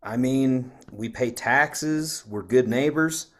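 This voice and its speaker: A man's voice: medium pitch, takes it slowly, a bit bright. A man reading the part of a polite, sly small-town sheriff with a friendly drawl. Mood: folksy.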